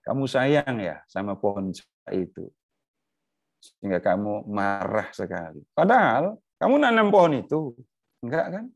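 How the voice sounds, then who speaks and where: A man's voice: fairly low pitch, very animated, unhurried, gravelly, dry recording, full character voice. A man voicing God, who reproaches a sulking prophet and grieves over a doomed city, in an earnest, raised voice. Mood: reproaching. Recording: dull, dry lo-fi recording.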